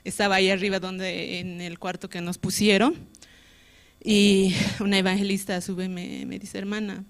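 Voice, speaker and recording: Bolivian woman giving an earnest church testimony. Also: mid-range voice. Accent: Bolivian Spanish. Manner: tags nearly every phrase with a questioning "¿no?"; emotional retelling, earnest and frank.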